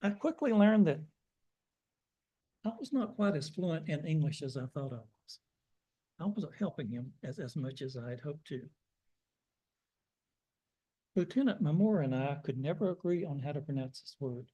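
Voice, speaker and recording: A man's voice: a little high, expressive, moderate pace, pauses often, warm tone, husky, muffled recording. An older American man telling folksy, self-deprecating stories in a sermon. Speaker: guest preacher. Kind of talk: storytelling sermon.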